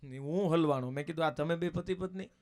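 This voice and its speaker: A man, telling jokes as a folk comedian in a brisk, anecdotal way. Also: on the high side, darkish tone. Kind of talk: live folk comedy storytelling.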